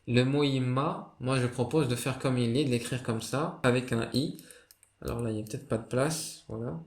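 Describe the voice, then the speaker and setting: A man's voice: medium pitch, normal speed. A man giving a casual spoken lesson on a writing system, hesitant and full of fillers and restarts. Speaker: video creator explaining a writing system. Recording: roomy echo.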